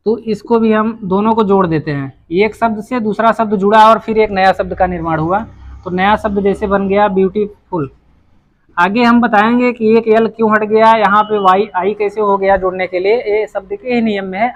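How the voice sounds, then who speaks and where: A high-pitched man explains English grammar at a board, patiently going over points again. While writing, he often restarts phrases. The recording quality is low.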